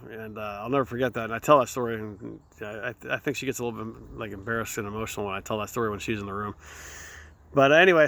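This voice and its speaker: A man hosting his own show, telling a candid personal story in a rambling, halting way, often repeating words. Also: medium pitch, fairly bright tone. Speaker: show host.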